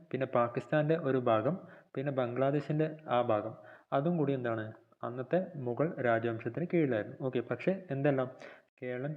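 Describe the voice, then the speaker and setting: Male Malayali teacher, mid pitch, patient recap-and-quiz delivery; narrow phone-quality audio. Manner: repeats points and quizzes the viewer; reads English lines slowly and deliberately. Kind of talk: textbook lesson explanation.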